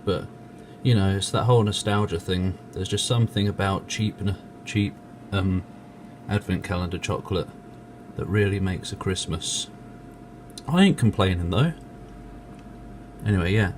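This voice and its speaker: A man's voice: deep voice, normal speed, slight background noise. A man giving casual, rambling commentary as a video host, grumbling and poking fun at himself with mild swearing. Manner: self-mocking, grumbling, mildly sweary.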